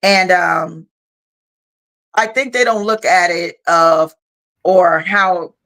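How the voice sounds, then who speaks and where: A woman co-hosts a casual podcast, speaking in a slightly low voice. She sounds tired after a long day but stays frank and talkative, filling her sentences with "you know.". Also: steady tone, slow, fairly bright tone. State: tired, yawning. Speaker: podcast co-host. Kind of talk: casual chat.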